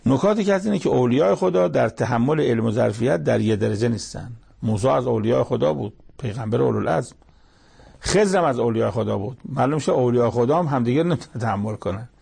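Gravelly man giving short religious commentary. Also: mid-range voice, lively intonation, a little mellow. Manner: plain storytelling with colloquial asides. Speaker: Quran commentator.

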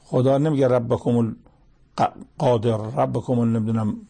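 A man's voice: mid-range voice, steady tone, creaky, warm tone, slightly rough. A man preaching a sermon, reciting Arabic scripture and pressing his listeners with pointed rhetorical questions.

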